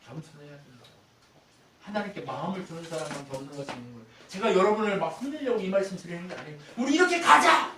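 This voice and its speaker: A male pastor preaching a sermon, animated, asking the congregation rhetorical questions again and again. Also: high-pitched, roomy sound, recorded from a distance, slight background noise. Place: church sanctuary.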